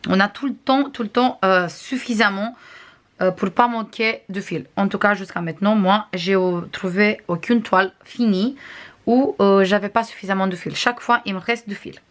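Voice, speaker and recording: A woman's voice: medium pitch, fairly even intonation, moderate pace. Chatty woman with a non-native accent. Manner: chatty, frequent hesitations, shows items to camera. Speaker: crafts vlogger. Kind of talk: casual unboxing review.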